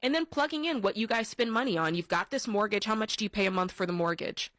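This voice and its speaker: A woman's voice: medium pitch, quick pace, a bit bright, no echo. A woman co-hosting a call-in advice radio show, asking direct, probing questions. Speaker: radio co-host. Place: radio studio.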